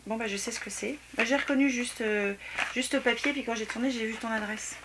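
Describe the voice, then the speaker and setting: A woman chatting casually as she opens fan mail at home, exclaiming and often dropping to soft near-whispers. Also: on the high side, steady tone, a little fast. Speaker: beauty vlogger opening fan mail. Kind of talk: casual unboxing chat. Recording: noisy home recording with clicks.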